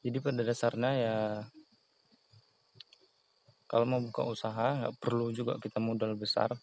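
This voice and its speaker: A man's voice: mid-range voice, level tone, fast talker, gravelly, darkish tone, slight background noise, low-quality recording. A man giving casual, earnest advice on a small business, repeating his points and chuckling at himself, recorded outdoors in a plantation. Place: outdoors in a palm and banana plantation.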